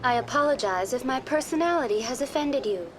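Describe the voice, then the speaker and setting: A woman voicing a courteous virtual intelligence guide in a science fiction game, formal, measured and impersonal. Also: sits high, expressive, background noise. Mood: polite, composed. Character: courteous female virtual intelligence tour guide on a space station. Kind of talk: scripted informational game dialogue.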